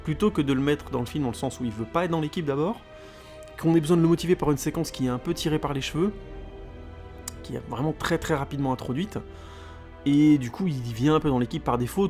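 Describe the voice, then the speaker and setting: A man's voice: fairly high pitch, fast, a little mellow, faint music behind. A man giving a casual spoken film review as a podcaster, rambling with many fillers and repeated words.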